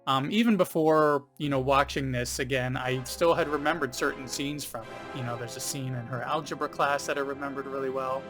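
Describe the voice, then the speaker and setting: A man talks through a film review in a loose, rambling way, often pausing on ums and you-knows. His voice sits at a middle pitch. Faint music plays underneath. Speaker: film reviewer, channel host. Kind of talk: casual spoken video review.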